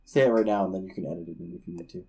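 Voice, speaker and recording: A man co-hosting a casual podcast, talking in a lively way that often breaks off mid-thought, with casual swearing. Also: low-pitched, very fast, breathy edge. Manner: animated, self-interrupting, swearing. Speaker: podcast co-host.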